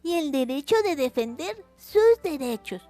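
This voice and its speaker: A woman's voice: high-pitched, very animated, unhurried, dark tone, soft background music. A woman hosting a simple history lesson for children in a sing-song, chatty way, repeating words for emphasis. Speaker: educational video channel host.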